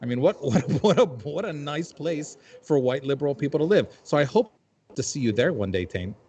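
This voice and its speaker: A man's voice: on the high side, animated, fairly quick, darkish tone. A man in his forties from Jordan, a comedian telling wry, dry stories in casual chat. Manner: dry, wry storytelling with filler-laden asides. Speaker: comedian and panel guest.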